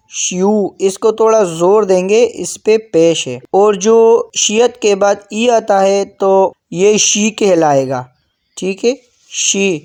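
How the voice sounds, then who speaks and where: A woman's voice: medium pitch, a little mellow. A woman from Pakistan giving an online language lesson, patiently repeating key words and addressing viewers as friends. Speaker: Korean language teacher.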